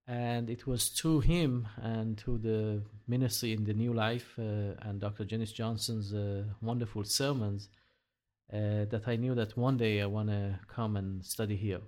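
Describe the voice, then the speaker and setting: A man's voice: fairly low pitch, fairly even intonation, a little mellow. Earnest middle-aged Israeli man. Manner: earnest, many "uh" pauses. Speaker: interview guest. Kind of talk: conversational interview.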